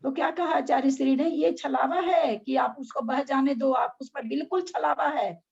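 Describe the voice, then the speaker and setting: A woman's voice: high voice, normal speed, gravelly, a little mellow, muffled recording. A middle-aged woman leading a casual spiritual discussion, frank and argumentative, full of rhetorical questions. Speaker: religious discussion leader.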